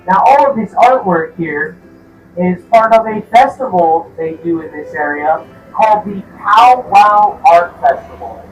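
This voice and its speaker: A man's voice: high-pitched, a little slow, reverberant, soft background music. A man guiding a trolley tour, giving riders informative commentary, recorded from a distance on the moving trolley. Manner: informative, addresses riders directly. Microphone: distant, recorded by a tourist's camera.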